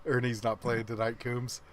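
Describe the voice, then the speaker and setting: A man co-hosting a casual fan stream, adding quick, wry remarks and joking with viewers. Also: medium pitch. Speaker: co-host of a fan game-watch stream. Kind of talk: casual live game chat.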